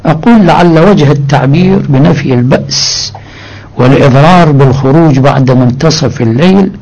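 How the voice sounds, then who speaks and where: A man's voice: fairly high pitch, a little mellow, low-quality recording. A man teaching a seminary lecture on jurisprudence, who explains point by point and reads his sources aloud. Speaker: religious scholar teaching jurisprudence.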